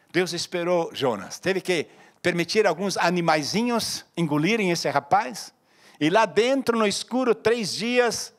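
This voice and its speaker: High-voiced, animated preacher man. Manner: animated preaching, acting out dialogue with sudden loud and soft turns. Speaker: pastor. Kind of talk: sermon.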